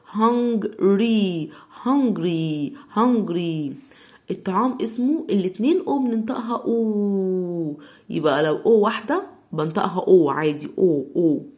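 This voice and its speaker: A young woman with an Egyptian Arabic accent teaching a children's English lesson, sounding out words slowly syllable by syllable. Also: mid-range voice, mellow.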